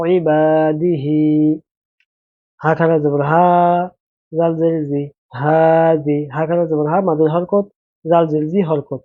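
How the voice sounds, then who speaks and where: A man with a somewhat high voice leads a Quran reading lesson in Bangla. He chants letters and vowel marks over and over and explains each step patiently. The sound is thin and phone-like, with no room echo at all. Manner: patient, explains step by step and asks rhetorical questions.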